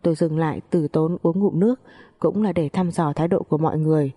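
A woman narrating a family story in the first person, calm and measured. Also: sits low, breathy edge.

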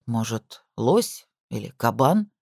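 An audiobook narrator voicing a laid-back, skeptical male police captain who talks things through slowly and dryly. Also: mid-range voice, big pitch swings, gravelly, no room sound, pitched below the performer's own voice, full character voice. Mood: skeptical, weary. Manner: dry, laid-back, slow and reasoning. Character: weary skeptical police captain, man, unhurried.

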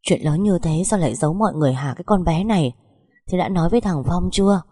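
A woman's voice: on the low side, fast talker, warm tone, slightly rough, no echo, clean studio sound. A woman voicing a stern but caring middle-aged mother-in-law who scolds bluntly. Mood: probing.

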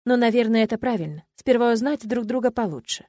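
A woman's voice: on the high side, lively intonation, quick pace, mellow, no echo. A woman voicing a brusque male dragon in a man's form, giving short, stubborn replies in a dry recording. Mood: calm.

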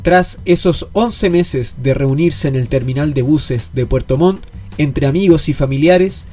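Guy narrating a doc podcast, slightly high voice, measured, faint music under it. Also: mellow. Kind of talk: scripted documentary narration. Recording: narration over background music.

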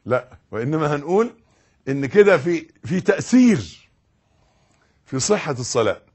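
Egyptian male preacher, slightly high voice, emphatic repetitions, loud-soft dynamics. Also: very animated, normal speed, husky. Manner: swings between loud emphatic bursts and soft hushed tones, repeating words. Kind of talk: sermon. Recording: audio recording.

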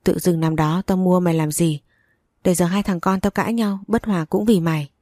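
A gruff, weary old matriarch, as a woman narrator puts her on, giving blunt orders. The voice sits low and mellow, and it is recorded dry and close for a storybook reading. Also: fairly even intonation, brisk, no echo, natural voice. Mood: stern. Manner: blunt, commanding, sighing. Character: stern older wealthy matriarch, gruff and weary.

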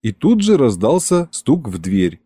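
A man narrating an audiobook, shifting his voice for each character in a lively way. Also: mid-range voice, a little slow, breathy edge, no echo, studio quality.

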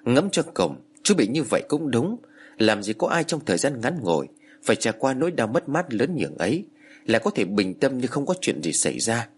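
A man narrating a ghost story in a dramatic, expressive manner. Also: mid-range voice, a little fast, husky.

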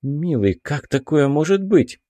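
A man's voice: on the high side, a little slow, dry recording, voice pushed up. A man reading an audiobook, voicing an emotional young witch woman in a raised voice. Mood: alarmed. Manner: excitable, emotional. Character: fiery young red-haired witch woman.

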